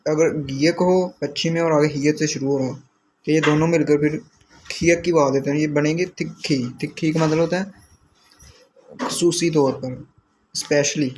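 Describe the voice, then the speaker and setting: Man teaching vocabulary slowly, slightly high voice. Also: steady tone, darkish tone, a little hiss or hum, poor audio. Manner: slow, repeats and glosses each word. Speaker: language teacher. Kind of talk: explaining vocabulary to learners.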